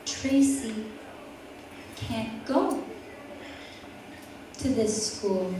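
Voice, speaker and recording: A woman's voice: a little high, noisy background. A woman voicing a flustered, apologetic school principal, a man, in her own voice. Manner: hurried, apologetic. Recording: echoey hall from far off.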